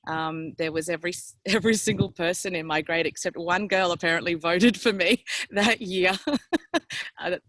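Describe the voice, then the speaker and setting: A woman's voice: lowish voice, normal speed, fairly bright tone, no echo. A woman in her forties from El Salvador, telling her personal story in a candid, chatty, self-deprecating way over a headset from a public venue. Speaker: guest speaker. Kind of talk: personal story on a video call.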